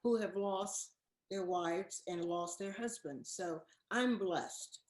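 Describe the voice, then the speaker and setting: A woman in her eighties, a guest in a casual interview, speaks earnestly and repeats words for emphasis. Her voice is lowish and slow, and the room sounds echoey.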